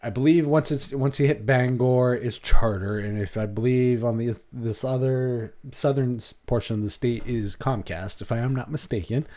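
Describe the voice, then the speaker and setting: A man's voice: mid-range voice, moderate pace, few pauses, warm tone. A man with a Maine accent giving blunt, rambling reaction commentary as host of his channel.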